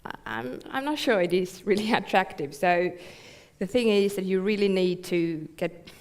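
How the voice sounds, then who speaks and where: A woman's voice: medium pitch, moderate pace. Thoughtful woman from northern Finland. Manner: thoughtful, with small laughs, trailing off softly. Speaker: panelist. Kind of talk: panel discussion answer.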